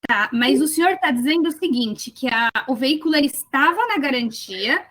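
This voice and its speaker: A woman's voice: high voice, animated, normal speed, a bit bright. A woman lawyer questioning an expert witness in a formal, persistent manner over a video call.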